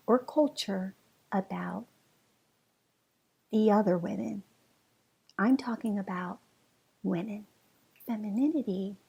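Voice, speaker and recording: Female relationship podcaster, very breathy and husky with a soft mellow tone, informal, playful, direct address. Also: medium pitch. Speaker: podcast host and relationship coach. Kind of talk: casual chatty solo podcast monologue.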